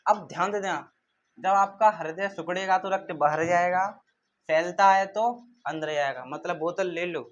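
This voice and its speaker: A man's voice: high voice, normal speed, muffled recording, slight background noise. A male teacher giving a classroom lecture. He asks questions and answers them himself, and repeats key terms in a call-and-response drill.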